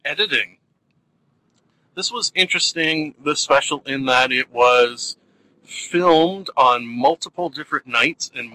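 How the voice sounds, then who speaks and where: Rambling man with a bright voice. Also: mid-range voice, slight background noise, low-quality recording. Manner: rambling, self-deprecating, lots of fillers and restarts. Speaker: reviewer. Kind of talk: casual spoken review.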